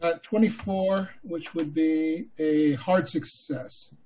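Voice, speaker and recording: A man playing a tabletop game, chatting casually and slipping into his character's lines, with a husky voice. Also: on the high side, fairly even intonation, slow, darkish tone, a little hiss or hum, poor audio.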